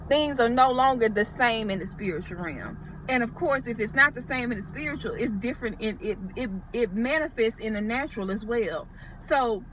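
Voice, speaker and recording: Woman, Bible teacher, fairly high voice, faint background noise. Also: a bit bright, rough recording. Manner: conversational, thinks aloud with restarts, refers to notes.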